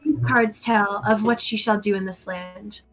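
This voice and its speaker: A woman voicing a solemn, mystical fortune-teller in a tabletop game, speaking slowly and theatrically of destinies. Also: mid-range voice, fairly even intonation, a bit bright, soft background music, low-quality recording. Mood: ominous. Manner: slow, portentous, theatrical. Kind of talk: tabletop role-play acting.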